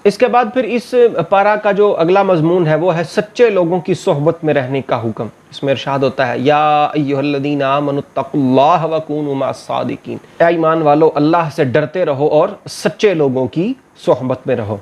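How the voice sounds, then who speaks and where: A male scholar gives a religious lecture, reciting verses in a slow measured chant and then explaining them plainly. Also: fairly high pitch, darkish tone. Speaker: Islamic scholar. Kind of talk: religious lecture summarizing scripture.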